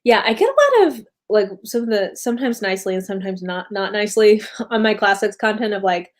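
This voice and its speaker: A woman's voice: mid-range voice, sing-song, brisk. An American woman hosting a casual live stream about books, tired after a long day, rambling with many fillers and self-corrections and often laughing. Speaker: booktube host.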